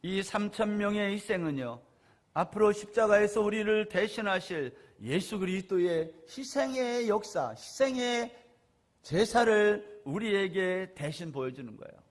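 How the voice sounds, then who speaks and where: A man with a high, light voice preaches a Sunday sermon. He asks his listeners questions and swings between loud, stressed phrases and soft, low asides. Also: lively intonation, a little slow. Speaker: pastor.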